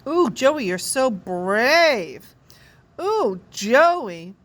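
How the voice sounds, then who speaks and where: A woman's voice: a little high, very animated, very slow, exaggerated voice. A woman reading aloud, voicing a gushing young schoolgirl who coos over a boy. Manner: cooing, breathy, fawning.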